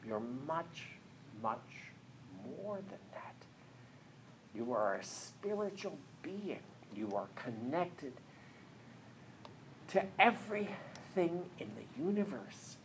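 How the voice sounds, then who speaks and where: A man preaching an inspirational sermon as a spiritual teacher, slow and emphatic, repeating phrases and often dropping to a whisper. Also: fairly high pitch, sing-song, background noise.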